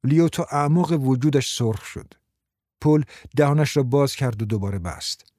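A man reading a novel aloud as an audiobook narrator, in an even, measured storytelling manner. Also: medium pitch, no echo, clean studio sound.

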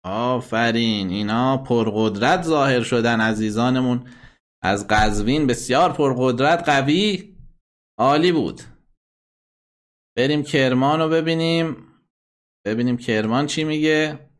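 A man's voice: medium pitch, pauses often. A male broadcast host with a mid-range voice who runs a call-in show. He talks bluntly and combatively, scolding people and hurling insults at those who cross him. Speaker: host of a satellite call-in program. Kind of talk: live broadcast hosting, playing listener messages.

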